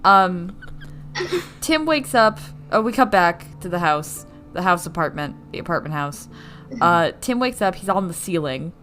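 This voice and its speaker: A woman's voice: on the low side, a little slow, faint music behind. A woman co-hosting a podcast, recapping a movie in sarcastic, swear-filled casual chat. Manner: sarcastic, swears freely, animated. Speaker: podcast co-host.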